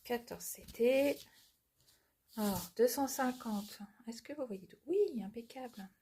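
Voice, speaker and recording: A woman with a stuffy nose from a cold, chatting casually through a craft unboxing and often dropping to a soft murmur. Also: a little high, unhurried, slight background noise. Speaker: cross-stitch vlogger.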